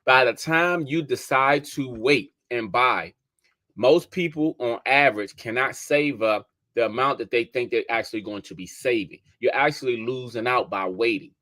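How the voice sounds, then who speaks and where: A man's voice: mid-range voice, normal speed, pushed and bright. Dc-guy hosting a podcast, chatty, says y'all a lot, keeps repeating his numbers. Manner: conversational, addresses listeners as y'all, repeats figures for emphasis. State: keeps sneezing. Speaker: podcast host and real estate agent. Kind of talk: casual talk to listeners.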